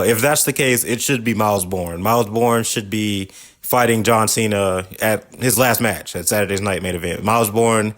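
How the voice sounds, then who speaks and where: A man hosting a podcast, giving a casual recap of a wrestling show in an exasperated, sarcastic, rambling way. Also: lowish voice. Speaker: podcast host.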